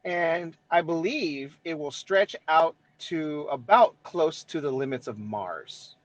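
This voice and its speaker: Taking it slowly, a Mexican-American man from East Los Angeles co-hosts a laid-back podcast, his voice fairly high with lively intonation. He swears without restraint and asks "right?" as he explains, and the dry recording has its highs cut off.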